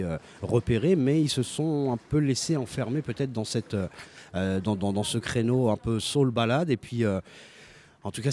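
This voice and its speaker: Low, mellow-voiced French radio host. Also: male voice, a little hiss or hum. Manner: hesitant, many fillers and restarts, conversational. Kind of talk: live radio music commentary.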